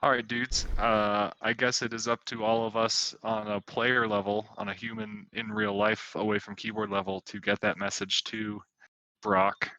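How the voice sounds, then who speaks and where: Bright-voiced man running a tabletop game. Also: on the low side, little pitch movement, moderate pace, no room sound, muffled recording. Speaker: game master.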